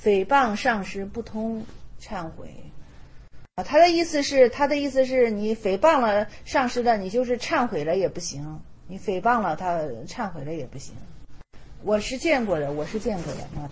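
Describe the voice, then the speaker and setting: Woman, casual dharma talk, chatty, repeats phrases, husky, higher voice. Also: a little mellow. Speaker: Buddhist teacher.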